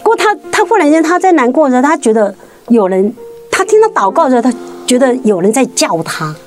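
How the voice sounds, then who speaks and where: A woman's voice: sing-song, darkish tone. Earnest woman telling a testimony. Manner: earnest, halting, with many restarts and repeated words; rises sharply in pitch at tense moments. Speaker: guest sharing a faith testimony. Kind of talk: emotional personal storytelling.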